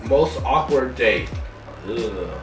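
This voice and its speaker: A young male vlogger with a medium-pitched, animated voice tells casual stories about his life, taking it slowly and filling his speech with "like" in a laid-back way. He sounds far from the mic, with a roomy, off-mic quality and music playing behind him.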